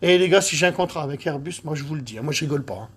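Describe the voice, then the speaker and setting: A man who details cars, chatting casually while he works, excitable, boastful and rambling, with a husky voice. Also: fairly high pitch, very fast. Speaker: car detailer. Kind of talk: casual chat while working.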